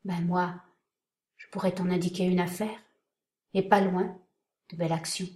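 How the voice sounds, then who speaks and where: A woman reading aloud voices a tender, pleading young woman in soft, trembling, half-whispered tones. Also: lowish voice, little pitch movement, moderate pace, natural voice. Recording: roomy echoing room.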